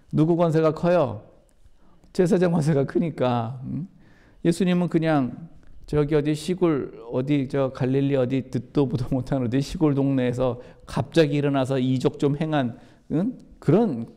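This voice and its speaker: A male pastor delivers a sermon in a fairly high but mellow, warm voice. He preaches in a chatty, emphatic way, posing rhetorical questions and answering them.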